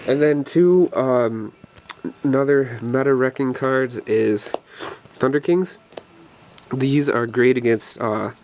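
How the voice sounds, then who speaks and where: The recording is rough, and the host's medium-pitched, darkish voice moves slowly with long pauses. He's a young man with a cold, congested and breathless, casually rambling through a card deck profile with many ums and restarts.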